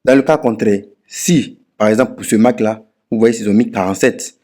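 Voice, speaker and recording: A man's voice: fairly low pitch, a little fast, mellow. A man with an Ivorian French accent who gives a casual step-by-step tutorial and keeps repeating key points for emphasis. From Ivory Coast. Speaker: betting tips YouTuber. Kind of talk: casual screen-walkthrough tutorial.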